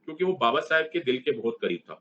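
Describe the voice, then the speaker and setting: A man's voice: medium pitch, big pitch swings, fast, bright, forceful tone, a little hiss or hum. A male teacher with an Indian accent lecturing a class in a playful, conversational way, mixing in English phrases and acting out his students' replies. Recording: dull lo-fi recording.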